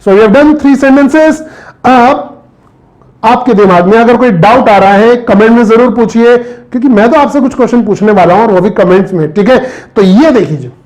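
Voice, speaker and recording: A man's voice: very high voice, normal speed, darkish tone, poor audio. A man teaching a grammar lesson and quizzing his viewers with questions as he goes. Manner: talks to viewers, quizzing them with rhetorical questions. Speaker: English teacher.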